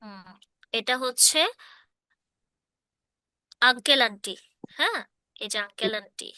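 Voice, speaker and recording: A woman teaches a relaxed online language class, checking often that her listeners keep up. Her voice sits high and sounds bright and clear. The recording is close and dry. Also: slow pace, no echo. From Bangladesh. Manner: explains patiently, often checking understanding. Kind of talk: casual online class explanation.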